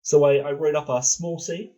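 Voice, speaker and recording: A podcast host telling an absurd comic story in a deadpan, rambling way. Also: male voice, fairly high pitch, moderate pace, rough recording. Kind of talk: comedic storytelling.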